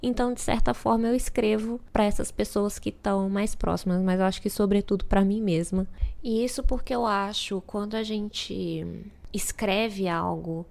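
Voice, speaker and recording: A woman's voice: mid-range voice, steady tone, moderate pace, gravelly, a little mellow. A woman author giving a thoughtful, conversational reflection on her writing. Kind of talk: recorded personal reflection.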